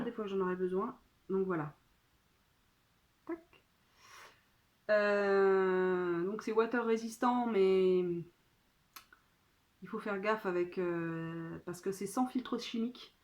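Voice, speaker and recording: A woman's voice: mid-range voice, takes it slowly, pauses often, darkish tone. A woman chatting casually to her phone during an unboxing, talking in a hesitant way full of fillers. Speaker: vlogger. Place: at home.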